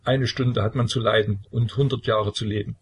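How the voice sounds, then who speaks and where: A man voicing a pious older aunt of the royal family who urges and consoles with earnest firmness, in a husky voice. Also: on the low side, fairly even intonation, moderate pace. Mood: consoling.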